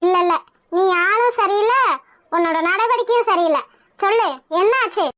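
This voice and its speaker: A caring young woman who turns stern and demanding with her cousin, as a woman voices her in a cartoon. The voice is very high and close-miked and dry. She presses hard for answers. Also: normal speed, a bit bright, dry recording. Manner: coaxing, then demanding and scolding. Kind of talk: cartoon voice acting.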